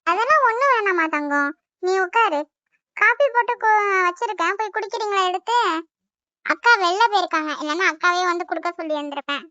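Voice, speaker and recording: A woman's voice: very high voice, animated, brisk, bright, forceful tone, no echo, lo-fi sound, exaggerated voice. A woman voicing a harried, scolding Tamil mother in a cartoon, speaking with a Tamil accent. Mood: kindly. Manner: scolding, blunt insults.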